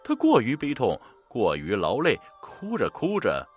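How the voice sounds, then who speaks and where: A man narrating a horror story in a measured, dramatic way, slowing down for suspense. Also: medium pitch, wildly swooping pitch, breathy edge, faint music behind.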